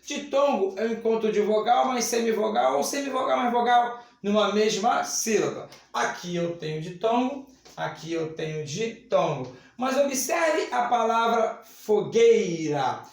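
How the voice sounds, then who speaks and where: A man's voice: high voice, lively intonation, measured pace, creaky. A Brazilian man teaching Portuguese grammar at a whiteboard, stretching key words and checking in with the class. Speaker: Portuguese teacher for civil service exams. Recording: very echoey room.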